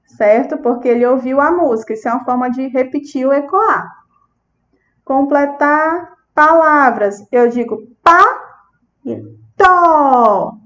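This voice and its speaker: A Brazilian woman with a high voice lectures as a speech therapist, acting out words and sounds for a child and checking in with her listeners. The recording sounds a little dull. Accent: Brazilian Portuguese. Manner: checks in with the audience often. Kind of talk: lecture with demonstrations.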